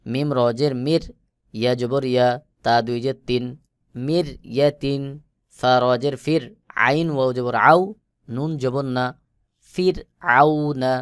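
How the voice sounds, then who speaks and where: A man with a Bangladeshi Bengali accent teaching Quran reading, spelling out letters slowly and chanting the words in long drawn-out tones. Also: mid-range voice, smooth, dry recording, studio quality. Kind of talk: slow spelled-out recitation lesson.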